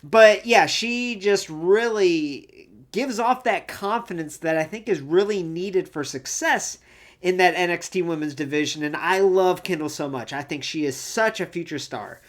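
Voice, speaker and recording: 热情健谈的女主播. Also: female voice, lowish voice, a little slow. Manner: chatty and enthusiastic, acts out quotes. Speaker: wrestling recap host. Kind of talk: casual solo recap commentary.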